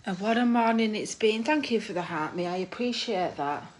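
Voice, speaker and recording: A woman's voice: mid-range voice, lively intonation, moderate pace, a little hiss or hum. A woman hosting a casual live stream from her room at home, chatting and gossiping into her phone, laughing at herself.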